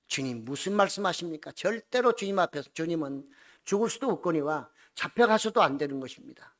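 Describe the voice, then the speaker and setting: A man preaching acts out a passionate male disciple who insistently protests to his teacher, raising his pitch and volume. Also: animated, fairly quick, fairly bright tone. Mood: protesting. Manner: insistent, indignant.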